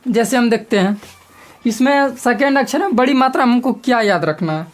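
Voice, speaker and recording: A woman's voice: on the high side, lively intonation, moderate pace. A woman teacher giving a grammar lesson step by step, repeating key terms and asking the class questions.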